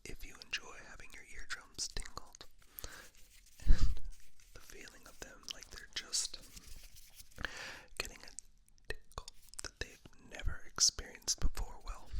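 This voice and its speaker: A man whispers an ASMR roleplay right up against a binaural microphone, calm and unhurried in pace. His tone is gentle and reassuring throughout.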